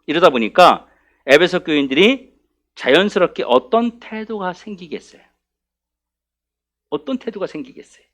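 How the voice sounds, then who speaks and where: A man's voice: high voice, animated, moderate pace, long pauses, fairly bright tone. A male pastor giving a conversational afternoon Bible study sermon in church, often putting questions to the congregation.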